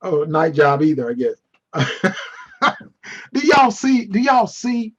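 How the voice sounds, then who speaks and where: Male Bible teacher, high husky voice, playful and teasing, online class over dull call audio. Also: very animated, slow. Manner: playful, teasing, responds to chat. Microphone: video call.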